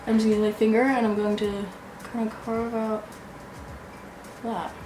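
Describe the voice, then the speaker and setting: A woman's voice: on the high side, little pitch movement, normal speed, noisy background. A young woman giggling tipsily as she chats casually through a makeup tutorial. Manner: giggly, tipsy. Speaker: makeup vlogger. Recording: echoey room with background music.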